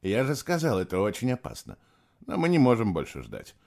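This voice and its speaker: A calm, cunning young male prisoner, voiced by a male audiobook reader. He speaks steadily and seriously, with a lively rise and fall in his pitch. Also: fairly quick, creaky, exaggerated voice. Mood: quiet, serious. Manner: steady, low-voiced, then urgent commands. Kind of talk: audiobook character voice.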